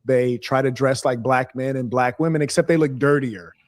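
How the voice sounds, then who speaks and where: A man with a mid-range voice, recorded dry and close, making pointed, opinionated remarks. He is assertive and sardonic, with a steady, confident delivery. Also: mid-range voice, normal speed, dry recording. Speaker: commentator. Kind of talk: opinionated commentary.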